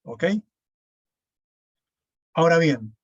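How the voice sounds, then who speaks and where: A man's voice: a little high, extremely slow, no echo. A man, lecturing an online class, explaining step by step and often checking with "¿sí?". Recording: dull, dry lo-fi sound.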